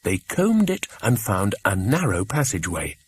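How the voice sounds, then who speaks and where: Male audiobook narrator, scripted storytelling, husky timbre, lively intonation. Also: lowish voice. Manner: expressive, measured reading.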